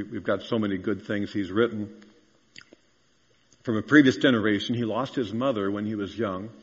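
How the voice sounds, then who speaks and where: A man preaching a sermon, earnest and conversational, rising to emphatic declarations. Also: on the low side. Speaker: pastor. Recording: dull sound with long reverb in a large hall.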